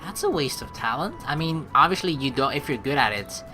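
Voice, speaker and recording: A young adult woman gives casual let's play commentary, mixing game talk with reading dialogue aloud, in a rumbling low, animated voice that runs a little fast. She rambles conversationally, sprinkling in "you know," while music plays in the background.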